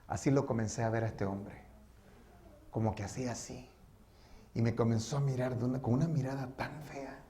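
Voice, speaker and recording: A man's voice: mid-range voice, fairly even intonation, a little fast, pauses often, a little hiss or hum. Dramatic storytelling male pastor. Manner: dramatic, shifting between loud and hushed. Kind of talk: sermon storytelling. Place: church.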